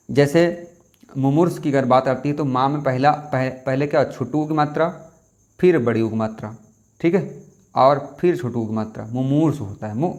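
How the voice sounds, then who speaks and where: A man's voice: mid-range voice, darkish tone. A young man tutoring Hindi spelling for an exam, talking casually and repeating key words with reminders to remember them. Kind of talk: casual exam-prep lesson.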